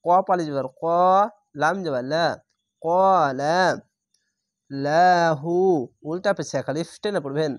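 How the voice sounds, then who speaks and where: A man's voice: a little high, brisk, dry recording. A man teaching Quran reading, spelling out each letter and vowel, then chanting the word drawn out. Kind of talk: slow spelled-out tajweed lesson.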